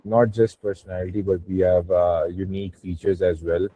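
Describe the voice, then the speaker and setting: A man's voice: deep voice, level tone, normal speed, mellow, breathy edge. A man with a Pakistani accent, a startup founder answering questions informally on an online call, often hedging with "you know". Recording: muffled phone-like call audio, roomy echo.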